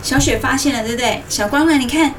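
A woman hosts a children's story programme, reading as if to a toddler, in animated simple phrases with coaxing questions. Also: sits high, fast talker, recorded from a distance, a little hiss or hum. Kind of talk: interactive storytelling to young children, asking questions. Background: music.

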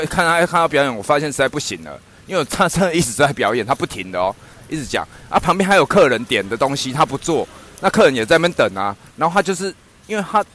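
A man casually telling a funny anecdote, laughing often and acting out what others said. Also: mid-range voice. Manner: animated, laughs often, acts out quoted speech. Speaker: storyteller in a podcast chat.

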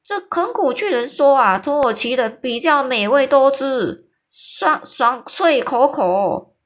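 A huge male giant from a storybook, put on by a woman reading aloud. He booms out his teasing remarks and draws out every exclamation. The voice sits fairly high for a giant. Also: animated. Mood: boisterous. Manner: booming, boisterous, drawn-out exclamations.

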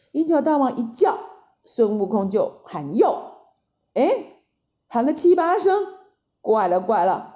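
A woman narrating a children's story in a lively, expressive way, often adding little fillers. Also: mid-range voice, highs cut off.

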